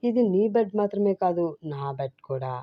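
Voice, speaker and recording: A woman voicing a sharp-tongued young bride who teases and insults her husband, in a dull, dry recording. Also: lowish voice, expressive, moderate pace, no room sound, natural voice. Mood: teasing. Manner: teasing, cheeky.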